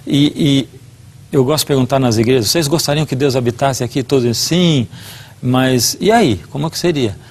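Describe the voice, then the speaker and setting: A middle-aged man speaks as a guest preacher, his voice a little husky and breathy at mid pitch. He tells a family story with earnest warmth of purpose and acts out the lines of each person. It is a devotional talk in a conversational setting. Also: moderate pace.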